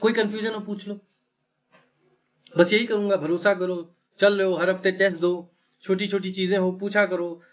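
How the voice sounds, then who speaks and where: Blunt high-voiced male mentor. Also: flat delivery, moderate pace, lo-fi sound. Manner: blunt, emphatic, brotherly, with frequent "right?" check-ins. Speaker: exam mentor for medical-entrance students. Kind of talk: motivational advice talk.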